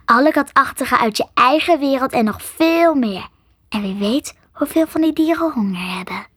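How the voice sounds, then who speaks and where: A woman's voice: high-pitched, animated, normal speed, a bit bright, slightly rough, no echo, studio quality, heavily acted. A woman voicing a mysterious, menacing cat-like creature in a hissing whisper, reading a storybook aloud.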